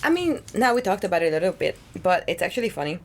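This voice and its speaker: A young woman from Hungary, a singer-songwriter guest talking casually in an interview, chatty and relaxed, full of "you know" fillers. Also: fairly low pitch, racing, slight background noise.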